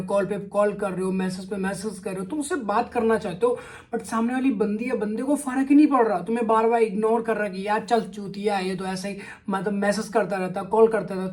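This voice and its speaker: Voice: mid-range voice, a little mellow. Blunt breakup-advice vlogger, swears a lot, keeps going "theek hai?", talking right at the viewers. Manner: blunt, crude slang, keeps asking "ठीक है?". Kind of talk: casual advice monologue.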